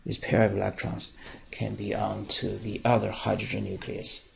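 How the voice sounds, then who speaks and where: A man teaching chemistry in a recorded lecture, explaining step by step with pauses and fillers and stressing key words. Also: lowish voice, monotone, background noise. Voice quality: very gravelly and raspy.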